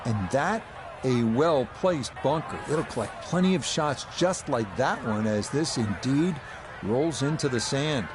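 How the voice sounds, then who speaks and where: A man giving measured, descriptive golf commentary as the lead play-by-play voice. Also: mid-range voice, lively intonation, noisy background. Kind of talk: sports commentary. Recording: loud music and crowd behind voice. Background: music, crowd, outdoor ambience.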